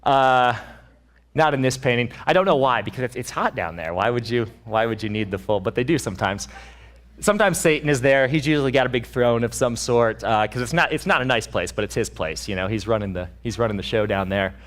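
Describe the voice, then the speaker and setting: A man's voice: medium pitch, a little fast. Joking young man preaching casually. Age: young adult. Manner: relaxed, joking, many fillers and restarts. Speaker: pastor's son preaching. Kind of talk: casual conversational sermon. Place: church service.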